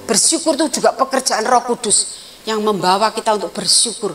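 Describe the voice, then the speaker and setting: A woman's voice: medium pitch, fairly quick, fairly bright tone, faint music behind, rough recording. A woman evangelist preaching at a prayer service, earnest and storytelling, sharing her own testimony. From Indonesia.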